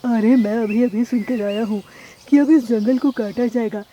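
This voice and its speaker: A woman's voice: a little high, steady tone, normal speed, mellow, highs cut off, a little hiss or hum, close to an everyday voice. A woman voicing an anxious male green parrot in a cartoon, urgent in tone. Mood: worried.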